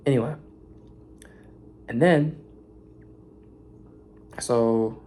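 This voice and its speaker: A man's voice: mid-range voice, extremely slow, dark tone. A tired young man venting in a casual vlog rant about his warehouse shift, rambling and swearing.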